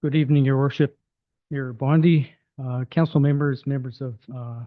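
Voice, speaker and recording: Hoarse hesitant man, tinny council mic. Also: medium pitch, steady tone, moderate pace, no echo. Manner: hesitant, many fillers and restarts. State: losing his voice. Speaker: resident delegate addressing council. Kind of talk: formal public delegation, partly read aloud. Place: council chamber, delegation table. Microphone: table microphone.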